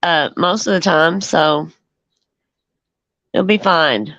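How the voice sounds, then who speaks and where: A woman's voice: deep voice, slow, a bit bright, no room sound, rough recording. A woman co-hosting a casual livestream chat, rambling and laughing easily. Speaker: co-host.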